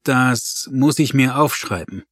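A man's voice: mid-range voice, slow, fairly bright tone, no echo, clean studio sound, voice pushed up. A man voicing a weary, middle-aged village policeman in an audiobook, grumbling and evasive.

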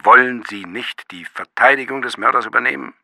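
A man voicing a pushy police sergeant with a rough, gravelly voice, who insists and sometimes drops to a confiding whisper. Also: medium pitch, brisk, bright, forceful tone, no echo, clean studio sound, voice pushed up, exaggerated voice.

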